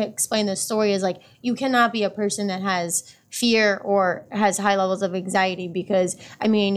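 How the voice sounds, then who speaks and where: A woman co-hosting a podcast, chatting casually and thinking her points through at length. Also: medium pitch. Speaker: podcast co-host. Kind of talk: casual chat.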